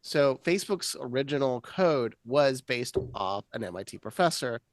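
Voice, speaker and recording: Insistent, fast-arguing man. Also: mid-range voice, lively intonation, dry recording. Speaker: podcast guest. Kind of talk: casual chat.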